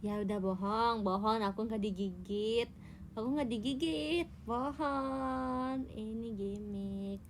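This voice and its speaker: Speaking slowly in a fairly high voice, a young Indonesian woman livestreams from her phone as an idol, teasing her viewers playfully and telling tall tales. Slight background noise runs underneath.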